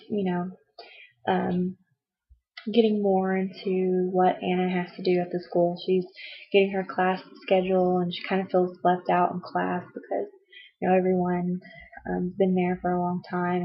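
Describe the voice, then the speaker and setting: Chatty young woman, husky voice, lo-fi. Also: on the low side. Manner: chatty, rambling, frequent "um" and "like", laughs at herself. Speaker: book vlogger. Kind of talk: casual book review chat. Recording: dull lo-fi home video.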